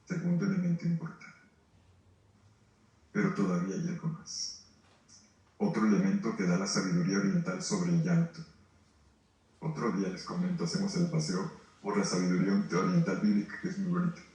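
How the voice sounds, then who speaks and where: A man's voice: low-pitched, very animated, a little fast, pauses often, a little mellow. A man preaching at a grief retreat, emphatic, asking rhetorical questions and addressing listeners directly. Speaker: priest leading a grief retreat. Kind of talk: sermon. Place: formation house hall. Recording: very echoey, distant from the mic.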